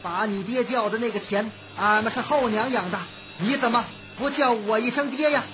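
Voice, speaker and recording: A woman's voice: a little high, normal speed, natural voice. A woman storyteller voicing a sly, joking middle-aged man who teases and mocks. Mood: mocking. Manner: teasing, mocking. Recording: dull lo-fi recording with music.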